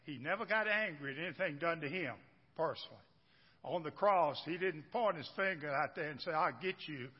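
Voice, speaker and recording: A man's voice: fairly high pitch, a little fast, husky. A man preaching a sermon to his church, folksy and repetitive, often asking the room questions. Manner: folksy, repeats phrases, asks the crowd questions. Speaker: pastor. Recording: dull, echoey church hall recording.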